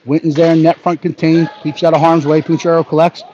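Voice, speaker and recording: A man giving brisk live hockey play-by-play, narrating each pass and leaning toward the home team. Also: fairly high pitch, level tone, warm tone. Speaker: play-by-play announcer. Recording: dull lo-fi audio with faint background noise.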